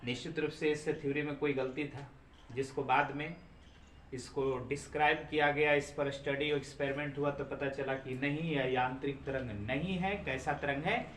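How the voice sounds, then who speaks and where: High, bright-voiced man lecturing a class. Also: fairly even intonation, moderate pace, a little hiss or hum. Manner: asks the class questions and repeats answers. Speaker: physics teacher. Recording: roomy classroom, from far off.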